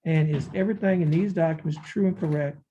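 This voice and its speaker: A male judge conducting a formal plea hearing in a courtroom recording, reading documents aloud in a measured, formal way. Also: on the high side, mellow. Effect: courtroom recording heard over a video call. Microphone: video call. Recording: dull lo-fi courtroom audio with faint hiss.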